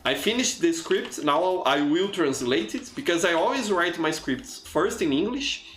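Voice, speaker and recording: Streaming live gameplay, this Brazilian-accented native Portuguese speaker keeps up chatty commentary, frequently restarting, repeating words and reading chat messages out loud. His voice is fairly high and bright, animated yet unhurried, in a roomy space with slight background noise.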